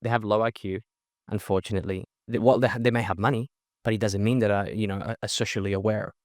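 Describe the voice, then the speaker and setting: Speaking fast and emphatically with a fairly low pitch, a young Chilean man guests on a podcast, discussing his networking event organizing in energetic, casual interview talk peppered with "right?". Spanish is his first language, and his accent blends Spanish and Australian. The audio is studio quality with no echo.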